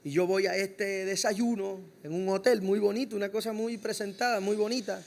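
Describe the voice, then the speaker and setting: A man's voice: sits high, moderate pace, creaky, slight background noise. A man, a pastor with a Puerto Rican accent, telling a story in a sermon and acting out the dialogue with humor. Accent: Puerto Rican Spanish. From Puerto Rico. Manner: animated, acts out dialogue, laughs at himself.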